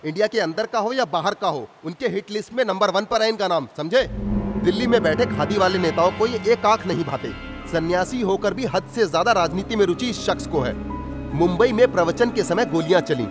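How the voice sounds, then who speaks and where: A sneering village boss villain, swings his pitch all over, bit high, film dub with loud music behind. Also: animated, a little fast. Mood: stern. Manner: taunting, mocking laughter. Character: menacing village strongman villain, leering and arrogant.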